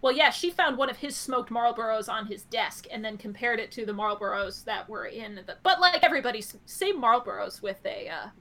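A woman's voice: a little high, lively intonation, a little fast, few pauses, pushed and bright. A woman co-hosting a podcast, thinking aloud about a TV episode in casual chat, full of "like" and "I was like". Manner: thinks aloud, theorizing with many "like" fillers. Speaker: podcast co-host.

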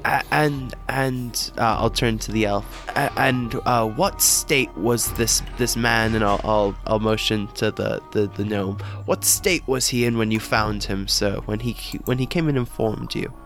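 A man playing a tabletop game, questioning in character with a halting, stammering delivery that repeats words. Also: lowish voice, fairly bright tone, faint music behind. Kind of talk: improvised role-play, questioning in character.

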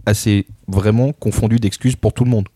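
A man with a low, mellow voice trades teasing, dry remarks in a relaxed panel chat. The delivery is casual and unhurried. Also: slightly rough, no echo.

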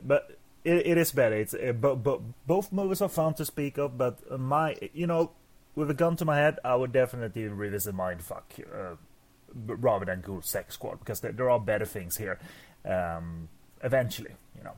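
A man's voice: mid-range voice, animated, normal speed, a little mellow. A man co-hosting a casual movie podcast, stammering and repeating words, often chuckling. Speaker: podcast co-host.

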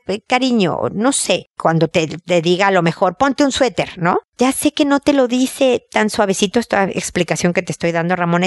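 A woman hosts an advice show and talks listeners through their letters, affectionate and conversational. Her pitch sits in a middle range and leaps up and down as she makes her points. The recording is dry and close, with no room sound. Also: no room sound. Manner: affectionate, conversational, lively pitch jumps, frequent check-ins.

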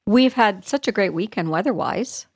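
A middle-aged woman, co-hosting a casual chat podcast, animated and quick to get riled. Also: mid-range voice, husky, no room sound, clean studio sound. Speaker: podcast co-host.

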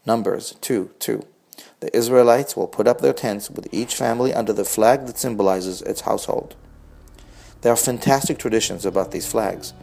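A man's voice: fairly low pitch, normal speed, vocal fry, darkish tone. A man in his forties with a wry, reflective manner, reading his own scripted personal essay as a blog host.

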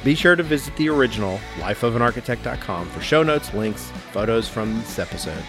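A man hosting a casual podcast from the front room of his house, relaxed and jokey. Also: mid-range voice, fairly quick, music in the background. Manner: relaxed, jokey, laughs often. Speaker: podcast host.

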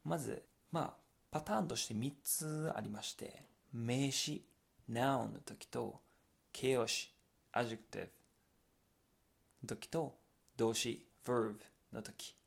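A man with a Kansai accent walks learners through dialect phrases one step at a time, stopping to gloss words in English. His voice has a gravelly, fry-edged texture with a husky, slightly breathy grain. He sits at a middle pitch and sounds patient and methodical. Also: slow pace. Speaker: language teacher.

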